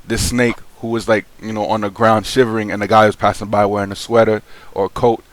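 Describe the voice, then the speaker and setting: A young man with a somewhat low voice speaks straight to his viewers in an unscripted vlog. His talk is loose and slangy, full of fillers and restarts. He sounds frank and aggrieved as he airs his complaint. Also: flat delivery, fairly quick, dry recording. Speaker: vlogger. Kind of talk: casual vlog monologue.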